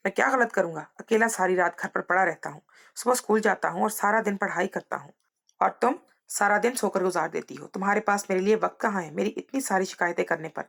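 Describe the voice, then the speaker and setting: A woman voicing a shouting, accusing teenage boy in a spoken story. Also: medium pitch, a little fast, breathy edge. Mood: angry shouting. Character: angry teenage boy shouting at his mother.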